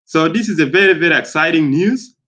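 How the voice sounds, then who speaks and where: A man from South Sudan giving spoken commentary, speaking in a halting way with many fillers and repeated phrases. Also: a little high, sharp tone, low-quality recording.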